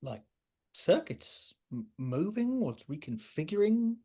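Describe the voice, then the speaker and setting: A woman voicing the Doctor, an eccentric male alien time traveller, in a fan audio drama, rambling through quick explanations. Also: on the low side, very animated, dark tone, slightly rough, full character voice. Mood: uneasy rambling.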